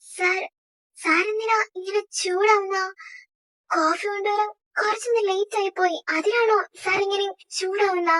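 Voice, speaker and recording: A woman's voice: very high voice, fairly even intonation, normal speed, fairly bright tone. A woman voicing a timid young female personal assistant who pleads and defends herself. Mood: defensive.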